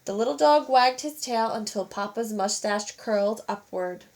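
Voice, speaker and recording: A teacher reading a children's storybook aloud with expressive, animated narration. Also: female voice, mid-range voice, moderate pace.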